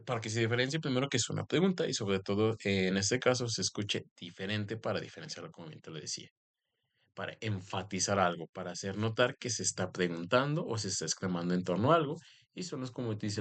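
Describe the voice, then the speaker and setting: Teacher, male, low voice, patient explanatory delivery, leans on filler phrases. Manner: explanatory, repeats "en este caso" as a filler. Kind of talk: recorded grammar lesson.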